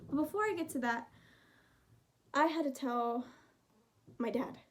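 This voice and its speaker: A woman's voice: high-pitched, expressive, measured pace. A woman in her twenties telling a personal story in a chatty, rambling, heartfelt way on her vlog. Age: 20s. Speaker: vlogger.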